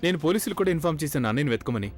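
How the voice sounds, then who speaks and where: A man's voice: a little high, animated, rapid-fire, a little mellow, soft background music, lightly acted. A man dubbing a dutiful young grandson in a TV serial, matter-of-fact. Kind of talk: dubbed TV serial drama.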